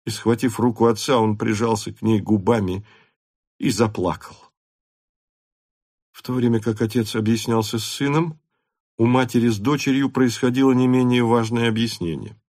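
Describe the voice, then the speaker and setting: A man narrating a classic novel as an audiobook in a measured, even reading voice. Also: mid-range voice, dry recording, clean studio sound.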